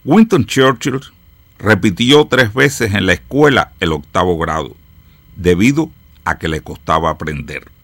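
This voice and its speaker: A man hosting a radio program, reading reflective stories in a slow, measured way with dramatic pauses and falling line endings. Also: sits low, expressive, fairly bright tone, no echo. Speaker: radio host.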